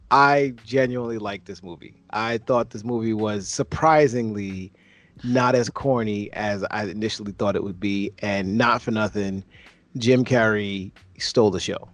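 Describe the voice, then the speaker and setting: Podcast co-host, male, thirties, easygoing rambling reviewer, mid-pitched, dry mic. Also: no echo. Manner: rambling, self-correcting. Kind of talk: casual movie review chat.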